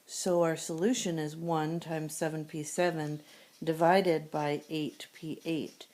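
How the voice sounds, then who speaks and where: A woman with a sore throat, teaching a screencast math lesson and explaining each problem step by step. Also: sits low. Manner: steady step-by-step explaining, thinking aloud. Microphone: tablet screencast recording.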